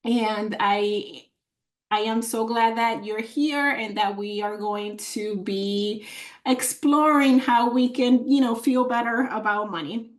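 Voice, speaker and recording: Woman from the Dominican Republic, financial coach on a video call, slightly high voice, slow and encouraging, lots of fillers. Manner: warm and encouraging, with frequent fillers and restarts. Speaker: financial coach and workshop presenter. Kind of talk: online workshop presentation. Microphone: computer mic on a video call.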